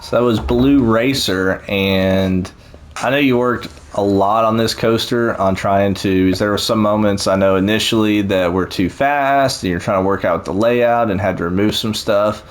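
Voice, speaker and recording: A man's voice: lowish voice, normal speed, poor audio. A man chatting casually and encouragingly as he tours a theme park build, rambling with fillers. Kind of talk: casual chat over gameplay.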